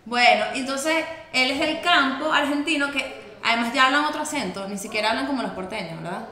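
A woman, co-hosting a casual chat and asking lively questions. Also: high voice, a little fast, echoey room. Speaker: co-host.

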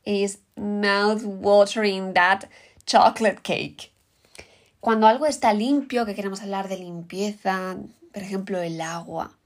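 A slow-speaking English teacher with a mid-range voice and fairly even intonation leads an upbeat lesson. She has a Peninsular Spanish accent, explains vocabulary, and says the example words in English.

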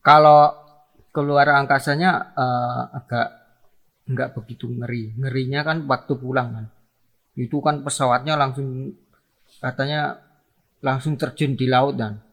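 A man's voice: medium pitch, fairly even intonation, unhurried, pauses often, fairly bright tone. A man interviewing a guest in casual chat, asking short questions between murmured replies.

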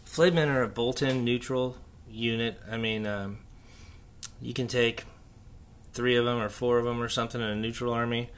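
A man hosting a casual, unscripted solo hobby chat, thinking aloud haltingly in an echoey, stripped-out bunker room. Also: mid-range voice, fairly even intonation. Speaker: podcast host. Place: echoey indoor room under renovation, torn-out walls.

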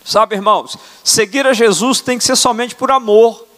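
Older man preaching, high voice, echoing church. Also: normal speed, fairly bright tone. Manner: earnest preaching, tag questions. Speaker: apostle preaching. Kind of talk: sermon. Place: church sanctuary. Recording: church hall reverb.

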